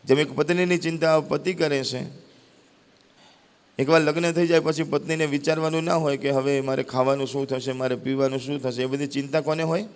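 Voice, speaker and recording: A man's voice: a little high, steady tone, a little fast, clean tone. A man with a Gujarati accent telling a devotional story in a sermon, acting out the characters' cries and pleas. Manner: acts out characters' cries and pleas with rising intensity. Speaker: spiritual storyteller. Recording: long hall reverb with faint sitar music.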